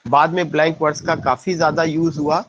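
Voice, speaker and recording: High-voiced teacher quizzing his class. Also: steady tone, brisk, highs cut off, a little hiss or hum. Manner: quizzes students, repeats key points, mixes Hindi and English. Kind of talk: classroom lecture. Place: classroom with students.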